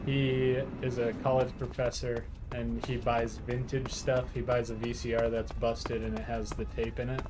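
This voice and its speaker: A man's voice: mid-range voice, little pitch movement, normal speed, hardly any pauses, background noise. A young man chatting casually while playing a video game, rambling and laughing often. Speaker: let's play co-host. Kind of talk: casual gaming chat. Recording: game music behind. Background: game music.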